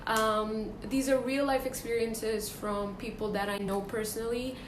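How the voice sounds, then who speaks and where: A woman's voice: a little high, steady tone, normal speed. A woman hosting a casual interview, asking guests chatty questions. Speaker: host. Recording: echoey room with faint noise.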